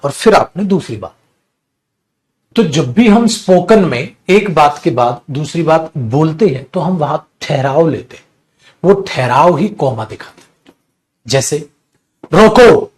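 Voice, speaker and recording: A male teacher giving an animated grammar lecture to a class, talking fondly to his students and using dramatic emphasis. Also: on the high side. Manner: animated, addresses students as beta, dramatic pauses.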